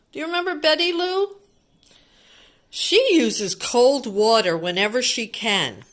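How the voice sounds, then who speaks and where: With a mid-range, fairly bright voice, a woman reads a picture book aloud to young children. She mixes in chatty commentary and easy explanations, often asking the child questions.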